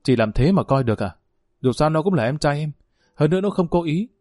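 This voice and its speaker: A man voicing an injured father in a hospital bed who snaps and shouts in a spoken family drama. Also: fairly high pitch, animated, fairly quick, dry recording, clean studio sound. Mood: angry. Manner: curt, shouting orders.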